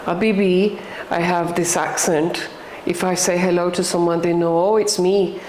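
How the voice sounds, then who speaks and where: An older woman with a British accent, talking reflectively about her own life in an earnest, halting way, repeating words for emphasis. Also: on the low side, flat delivery, a little mellow. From England. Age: older, around 60. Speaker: interviewee. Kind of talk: reflective personal conversation. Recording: echoey room with faint background noise.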